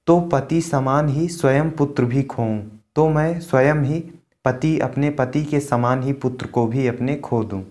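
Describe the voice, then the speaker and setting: A man's voice: medium pitch, a little mellow. A male teacher giving a lesson that reads a line of poetry and then explains it in simple words. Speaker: Hindi literature teacher.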